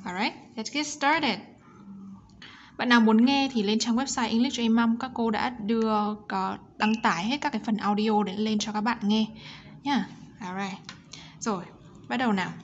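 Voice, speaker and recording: A Vietnamese woman with a Vietnamese accent, teaching English pronunciation to children slowly and step by step, often checking with "ok". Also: on the high side, muffled recording, a little hiss or hum. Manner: slow, explains sounds step by step, often asks ok.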